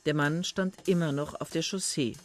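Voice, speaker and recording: A narrator reading an audiobook in a lively, expressive storytelling manner. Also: mid-range voice, normal speed, faint music behind.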